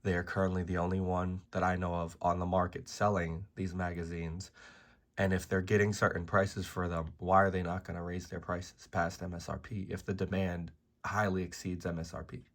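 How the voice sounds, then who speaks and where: A trading card game YouTuber with a very deep, hoarse voice, roughened by an illness that took it days ago, rants straight to camera in a ranting commentary video. Blunt, exasperated, and cursing freely, he argues his point in a level tone at a moderate pace.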